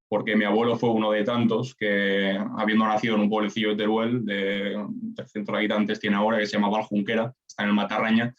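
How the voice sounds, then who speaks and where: A young Spanish political scientist in his twenties answers interview questions in structured points, using rhetorical questions along the way. His voice is on the low side, and the recording has its highs cut off.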